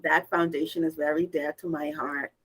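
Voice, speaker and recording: A woman's voice: low voice, normal speed, breathy edge, rough recording. Upbeat woman on a video call. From Bahamas. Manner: energetic, expressive, listing words in lively runs. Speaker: guest speaker. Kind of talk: upbeat conversational self-introduction.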